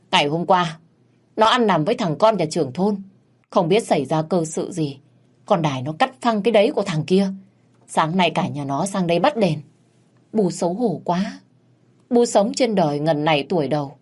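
A woman voicing a spiteful, scheming old village mother-in-law who wails and scolds in a shrill voice. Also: lively intonation, normal speed, darkish tone, husky. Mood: complaining.

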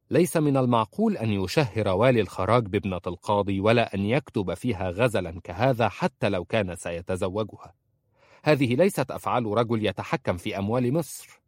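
A man's voice: fairly low pitch, lively intonation, brisk, darkish tone, dry recording, clean studio sound. A man voicing a young orphan bookseller who pleads politely and persistently. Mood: earnest. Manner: earnest, respectful pleading. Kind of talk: audiobook character voice.

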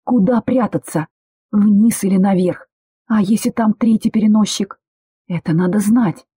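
A reader voicing a frightened, stubborn young woman medic in shrill, excited outbursts. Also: a little slow, breathy edge, dry recording, clean studio sound. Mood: frantic. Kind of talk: audiobook character voice.

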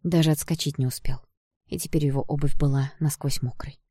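A woman narrating a first-person audiobook in an expressive storytelling manner. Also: low voice, brisk, no room sound, studio quality.

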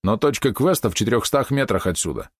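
A man voicing a dry, matter-of-fact male technician in an audiobook, who makes flat, practical remarks. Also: lowish voice, fast, breathy edge, no echo. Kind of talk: audiobook character reading.

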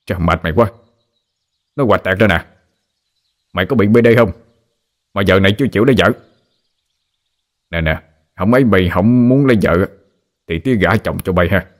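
A man's voice: sits low, normal speed, long pauses, close to an everyday voice. A man with a Southern Vietnamese accent voicing a grumbling old rural father who nags his son to marry. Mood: scolding. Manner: scolding, teasing.

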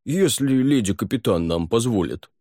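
A man voicing a burly, gruff warrior who boasts and grumbles. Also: mid-range voice, animated, moderate pace, mellow, voice pushed up, natural voice. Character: burly bass-voiced male warrior.

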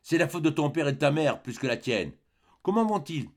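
A man's voice: on the high side, very animated, a little fast. A man doing a frail dying old man. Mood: faint. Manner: faint, breathy, clipped phrases.

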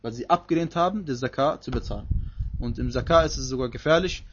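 A man's voice: mid-range voice, fast talker, lo-fi sound, a little hiss or hum. A man teaching a Quran commentary lesson, explaining emphatically and reciting Arabic verses between his points.

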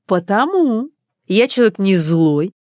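A woman reading a spiteful young woman who mocks an older cook in a slow, savoring way. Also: medium pitch, big pitch swings, darkish tone, no echo, studio quality, voice pushed up. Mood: gloating.

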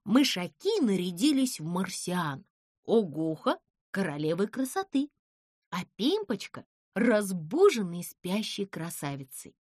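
A woman narrates a children's storybook in an expressive, animated way. Her voice has a middling pitch and moves lively up and down. The recording is close and dry. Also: unhurried, no room sound.

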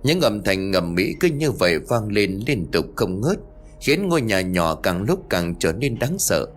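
Male storyteller for an audio ghost story, low and expressive, suspenseful. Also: unhurried. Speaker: narrator. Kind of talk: dramatic ghost story narration.

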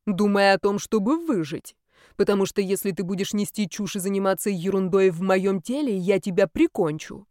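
A woman's voice: mid-range voice, normal speed, dark tone, no room sound, clean studio sound, natural voice. A woman reading a storybook, voicing a bossy, sarcastic young woman who gives stern, icy commands.

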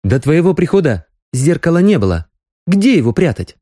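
An anxious young woman doctor presses hard for the truth, voiced by a male audiobook reader. She sits well above his usual pitch, with a lively, swinging melody. The recording is dry and close. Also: normal speed, dry recording. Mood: insistent. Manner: pleading, pressing. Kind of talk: audiobook character voicing.

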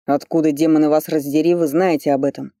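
A reader voicing a flustered male police chief who sounds startled and defensive, a little lower than the narration. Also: little pitch movement, quick pace, mellow, no room sound, clean studio sound, close to an everyday voice. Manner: startled, defensive, then sheepish. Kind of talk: audiobook character voice.

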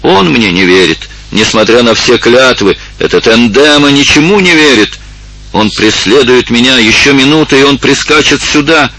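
A man's voice: low voice, lively intonation, moderate pace, hardly any pauses, sharp tone, heavily acted, poor audio. A man voicing a frightened fifteen-year-old peasant girl who pleads urgently in an audiobook. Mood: desperate pleading.

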